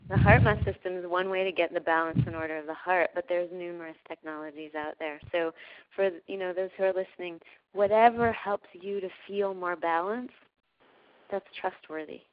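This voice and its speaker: A woman hosting a call and guiding a calm breathing meditation, her voice going soft and hushed. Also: on the low side, normal speed, dry recording. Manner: calm, softening to a hushed guide voice. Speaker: host of a heart practice call. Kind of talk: guided breathing meditation and chat. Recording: dull lo-fi call audio.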